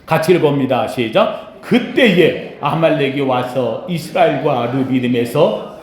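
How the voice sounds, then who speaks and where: A male pastor preaching a sermon, swinging between loud exclamations and low murmurs and asking the congregation questions. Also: expressive, measured pace. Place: church sanctuary. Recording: echoey church sanctuary.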